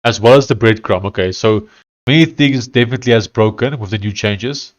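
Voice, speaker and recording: Over dull-sounding audio, a South African man with a strong Afrikaans accent talks fairly quickly in a lowish voice while coding on a live stream. He chats casually with viewers, thinking aloud and restarting often amid plenty of fillers.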